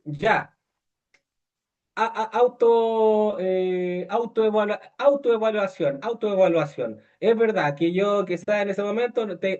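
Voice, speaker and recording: High-voiced man preaching casually. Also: darkish tone, muffled recording. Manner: many fillers and restarts, asks listeners questions, acts out quoted voices. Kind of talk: conversational sermon.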